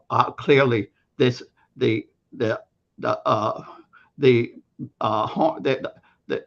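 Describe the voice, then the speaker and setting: A man attorney summarizing his case over a video call, halting and repeating words. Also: medium pitch, vocal fry, fairly bright tone. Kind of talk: courtroom argument. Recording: muffled video call audio.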